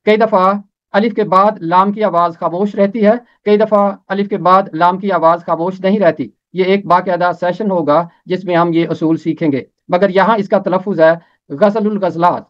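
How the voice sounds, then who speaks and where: A man teaching a pronunciation lesson, slowly spelling out vowel marks and repeating each name. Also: sits high, steady tone. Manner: slow, careful spelling out of diacritics and repeated names. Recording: dull lo-fi recording.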